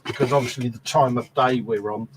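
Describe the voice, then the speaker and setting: A man's voice: medium pitch, steady tone, a little fast, noisy background. A man with an English accent tinged with Scouse, hosting a model-building stream in casual, rambling chat and laughing often. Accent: English with a slight Scouse hint.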